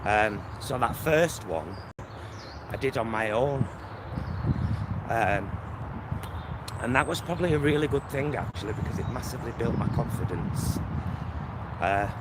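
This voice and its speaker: Out on a walk near roads and the motorway, this Northern English vlogger with a Greater Manchester accent chats loosely, wandering off topic and interrupting himself. He speaks in an unhurried mid-range voice with lively intonation and long pauses. Loud traffic and outdoor ambience dominate the background.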